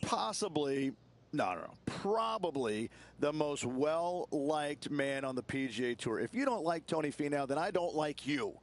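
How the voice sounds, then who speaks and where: A man's voice: a little high, expressive, unhurried. A man giving golf broadcast commentary as a course analyst, conversational and emphatic. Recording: clear background ambience noise.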